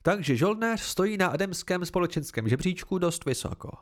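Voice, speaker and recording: A man's voice: high-pitched, lively intonation. Man reading a curious, careful young student. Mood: earnest. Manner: polite, cautious questioning. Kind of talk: amateur audiobook reading.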